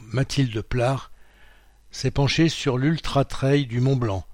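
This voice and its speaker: A man's voice: mid-range voice, dry recording. Man reading a magazine aloud, dry. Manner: reads out quote marks and page numbers, steady informative delivery. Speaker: magazine reader. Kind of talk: read-aloud narration of a printed magazine.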